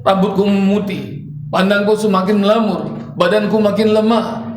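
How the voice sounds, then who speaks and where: A man voicing a grieving old village grandfather of sixty-seven, who speaks in a high, strained, tearful voice that rises into shouts. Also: fairly even intonation, moderate pace, reverberant. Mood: tearful pleading.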